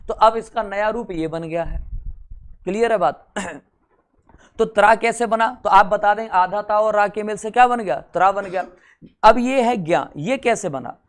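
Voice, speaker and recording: An Indian teacher lectures at a board in a high-pitched voice, speaking a little slowly. He keeps it conversational, talks directly to his students, checks that they're following, and slips in wry, teasing remarks.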